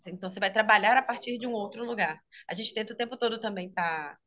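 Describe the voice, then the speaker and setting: A fast-talking woman with a medium-pitched, bright, forceful voice comes through a muffled recording. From Minas Gerais and carrying a Brazilian accent, she's a speech therapist and health teacher chatting about her work in an informal video-call interview, with frequent "né?" and easy laughter.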